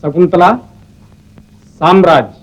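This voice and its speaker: A sly young schemer works out his plan in a low mutter. The delivery is theatrical 1950s film melodrama acting. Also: takes it slowly, low-quality recording. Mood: scheming. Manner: plotting, muttering to himself. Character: sly young man scheming to claim a family tie.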